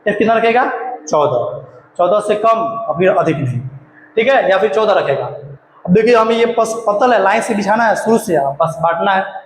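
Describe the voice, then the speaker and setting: A man teaching chemistry, firing questions and answering them himself in loud, repetitive call-and-response drills. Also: high-pitched, lively intonation, normal speed. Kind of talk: classroom-style lesson with call-and-response drills. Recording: echoey room with long reverb, faint background noise.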